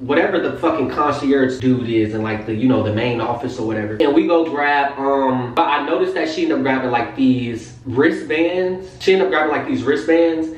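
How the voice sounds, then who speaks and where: A man's voice: medium pitch, normal speed, hardly any pauses, distant mic. A man in his twenties tells a casual story as a vlogger, talking animatedly, swearing a lot and saying "like" constantly. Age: 20s. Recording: very echoey room, voice off-mic.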